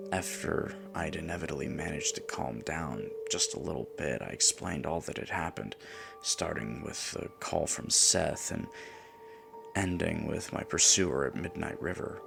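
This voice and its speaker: A man narrating a first-person horror story in a measured, hushed delivery, sometimes dropping to a whisper. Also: rumbling low, gravelly. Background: music.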